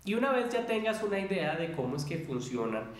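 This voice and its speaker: Teacher type, male, fairly high voice, patient explainer who sings rhythm syllables to make a point. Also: sing-song, brisk, roomy sound. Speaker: English teacher. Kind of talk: video lesson on English pronunciation.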